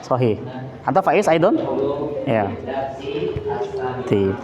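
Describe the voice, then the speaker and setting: A man's voice: mid-range voice, very animated, slow pace. A man with an Indonesian accent teaching an Arabic lesson in a boarding school class, drilling pupils with questions and explaining in Indonesian. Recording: roomy classroom with pupils' chatter.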